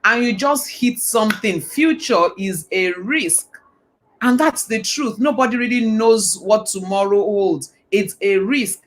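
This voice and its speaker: A woman's voice: medium pitch, a little slow. A woman hosting a live online talk show, enthusiastic and affirming as she sums up and asks questions. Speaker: host.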